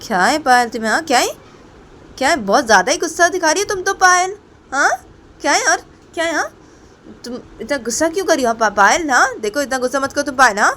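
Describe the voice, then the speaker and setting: A woman voicing an exasperated woman who loudly scolds her partner in a storybook tale. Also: a little high, big pitch swings, brisk, few pauses, slight background noise, pitched above the performer's own voice. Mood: scolding. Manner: loud, scolding, insistent.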